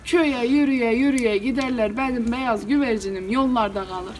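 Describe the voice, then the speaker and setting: A woman's voice: fairly high pitch, a little fast, a little hiss or hum, close to an everyday voice. Woman playing a hot-tempered village headman. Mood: exasperated. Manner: animated, exasperated, repeats "I said". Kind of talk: solo storytelling performance, meddah style.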